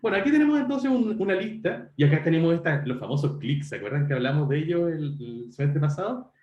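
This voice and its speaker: The recording is muffled and echoey, carrying a man's fairly high, animated voice at a fast clip. Lecturing online, he chats directly with university students and keeps correcting himself.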